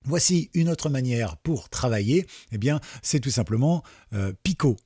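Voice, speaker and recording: A man's voice: medium pitch, expressive, normal speed, mellow, husky, dry recording, studio quality. A man hosting a casual tech tutorial, chatty and joking, with many fillers and asides. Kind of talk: casual screen-recorded tutorial.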